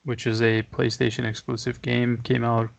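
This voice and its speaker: A man's voice: mid-range voice, little pitch movement, moderate pace, gravelly, no echo. A man co-hosting a casual podcast, talking in a laid-back, rambling way and chuckling often. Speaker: podcast co-host. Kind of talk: casual chat.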